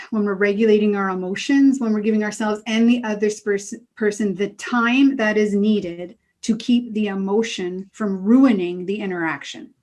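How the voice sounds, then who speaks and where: A middle-aged woman answering interview questions as an emotional intelligence coach, calm and earnest, giving advice. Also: mid-range voice.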